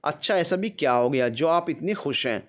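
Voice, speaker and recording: A man's voice: a little high, animated, normal speed, natural voice. A man voicing a son in his thirties who brushes off talk of marriage. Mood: dismissive.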